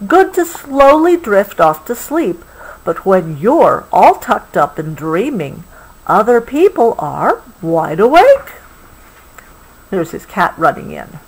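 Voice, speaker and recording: An American mother reads a picture book aloud to her child slowly and expressively, stopping to explain things casually. Her mid-range voice is breathy, she stays patient through interruptions, and the recording quality is low.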